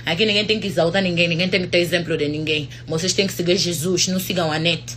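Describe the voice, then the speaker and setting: A woman's voice: fairly low pitch, fairly even intonation, fast talker. Angry Angolan woman ranting. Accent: Angolan Portuguese. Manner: combative, mocking, repeats herself. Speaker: vlogger. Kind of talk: angry profane rant to camera. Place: United States.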